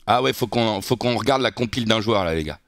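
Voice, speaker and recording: Animated young man chatting to his stream. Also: lowish voice, quick pace, dry recording, clean studio sound. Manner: animated, keeps addressing his viewers as guys. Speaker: streamer reacting to football news. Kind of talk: casual live-stream chat.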